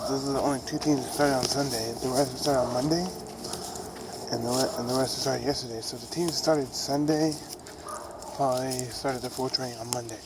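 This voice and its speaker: Outdoors near buildings, a young man rambles casually about baseball into a phone camera held low, restarting and using fillers. His medium-pitched voice is nasal and congested, and there's heavy background noise.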